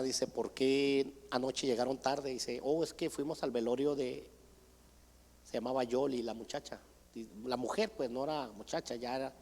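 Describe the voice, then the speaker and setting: A man's voice: mid-range voice, creaky, darkish tone. Man testifying in a church hall. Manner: earnest, retells conversations with many "dice". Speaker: church brother giving testimony. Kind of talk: sermon testimony.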